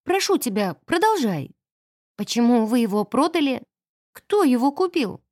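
A woman's voice: fairly high pitch, very animated, normal speed, darkish tone. A woman voicing a young heroine posing as a rich lady, speaking in an earnest, restrained way. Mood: coaxing. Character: young woman agent posing as an heiress, cautious.

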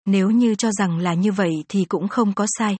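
A woman voicing a defiant young male hero who shouts boldly in a fantasy audiobook. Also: medium pitch, moderate pace, husky, no room sound, close to an everyday voice.

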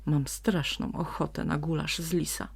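A woman voicing a calm, wily male donkey who speaks steadily and firmly while pretending to threaten. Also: low-pitched, moderate pace, gravelly, breathy edge, exaggerated voice. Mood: mock-threatening. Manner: steady and firm, feigning menace.

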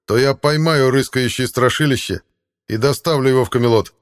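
A man's voice: mid-range voice, brisk, smooth, pitched above the performer's own voice, close to an everyday voice. A man voicing a brave, noble knight who speaks in a proud, ringing voice. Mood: gallant.

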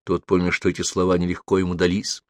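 A man reading a novel aloud in even, measured scripted narration. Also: low-pitched, no echo, clean studio sound. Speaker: audiobook narrator.

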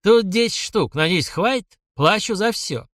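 A man's voice: high-pitched, animated, measured pace, fairly bright tone, no echo, studio quality, voice pushed up. A man voicing a boorish drunken rich man, swaggering and mocking, in an audiobook. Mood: boastful. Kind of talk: audiobook character voice.

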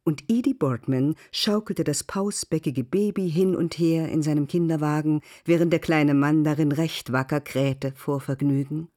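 A narrator giving a measured, softly expressive literary radio reading. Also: medium pitch.

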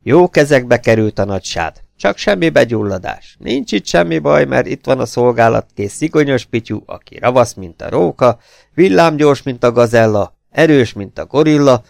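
A man's voice: mid-range voice, lively intonation, darkish tone, dry recording, clean studio sound. Field: burly boastful sailor, read by a man. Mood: swaggering. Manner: boastful, rough-mannered. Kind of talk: audiobook character voice.

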